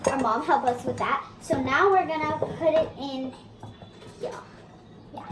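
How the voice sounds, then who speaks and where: A child helps host a casual cooking video at home, with a voice that sits high and an unhurried pace. Kitchen echo and background noise fill the recording.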